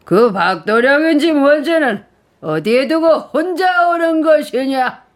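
An actor playing a greedy, pompous village elder in a radio drama, bellowing and contemptuous. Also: male voice, extremely high pitch, animated, takes it slowly, exaggerated voice. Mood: scornful.

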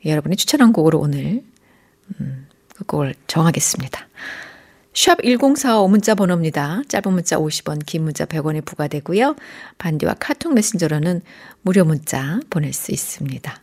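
A woman hosting a radio program, gently talking and reading out listener messages from a studio microphone. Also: low voice, expressive, fairly quick, slightly rough. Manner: gentle, reads listener texts aloud.

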